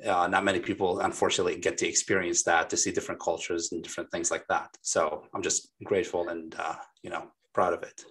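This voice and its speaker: A man from Lebanon in his forties, a business owner, talking casually and warmly as a guest on a video call, with plenty of fillers and restarts. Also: sits low, little pitch movement, fast, hardly any pauses, slightly rough. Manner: friendly, talkative, frequent fillers and restarts. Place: small dark home studio. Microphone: desk microphone on a boom.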